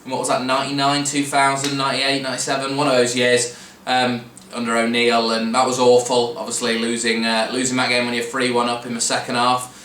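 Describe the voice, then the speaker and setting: A man's voice: mid-range voice, completely flat delivery, brisk, a bit bright. A man hosting a football preview show, talking casually and rambling with restarts and fillers. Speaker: fan podcast host. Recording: roomy echo, mic at a distance, faint background noise.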